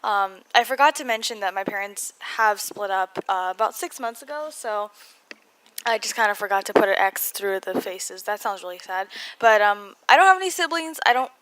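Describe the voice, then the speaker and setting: A woman's voice: medium pitch, animated, moderate pace, a bit bright. Chatty young American woman, slightly muffled diction. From California, United States. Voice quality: slightly muffled articulation from braces. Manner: rambling, self-interrupting, self-deprecating asides. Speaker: video blogger. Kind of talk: casual chatty voice-over storytelling.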